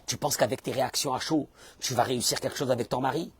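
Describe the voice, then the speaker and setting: A man preaching a sermon in as a rabbi, acting out the people he quotes and suddenly bursting into shouts. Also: medium pitch, fairly even intonation, quick pace, slightly rough. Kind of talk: animated sermon.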